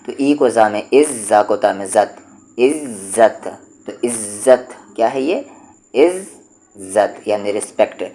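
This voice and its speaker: A man teaching an Urdu reading lesson, going slowly and patiently, repeating each rule and sounding out syllables one by one. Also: fairly low pitch, expressive, mellow, a little hiss or hum. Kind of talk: step-by-step spoken lesson.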